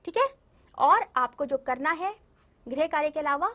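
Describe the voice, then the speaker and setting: A woman's voice: high-pitched, animated, sharp tone. A young woman teaching a Hindi lesson to young children in an online video, patiently repeating words and often checking that the children understand. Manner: patient, repeats words slowly and drills vowel signs. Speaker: primary school Hindi teacher.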